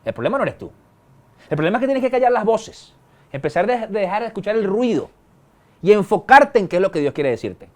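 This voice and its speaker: Man, pastor, sermon, high pitch, conversational, colloquial. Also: sing-song, darkish tone. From Venezuela. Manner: conversational preaching with colloquial asides and quick bursts.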